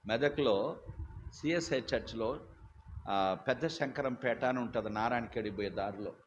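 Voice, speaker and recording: An older man, preaching a sermon with loud, emphatic storytelling. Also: mid-range voice. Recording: dull lo-fi recording with faint hiss.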